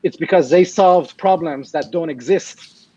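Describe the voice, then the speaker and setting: Man, high voice, animated, lots of restarts, dry dull lo-fi audio. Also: unhurried, a little hiss or hum. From Iran. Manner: animated, many restarts and "you know". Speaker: guest, tech startup founder. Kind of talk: casual interview talk.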